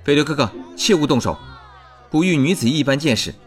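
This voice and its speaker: A man's voice: a little high, lively intonation, soft background music, natural voice. A performer voicing a polite, respectful young nobleman in an audiobook. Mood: placating. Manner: courteous, soft-spoken, quick. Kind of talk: audiobook character voice.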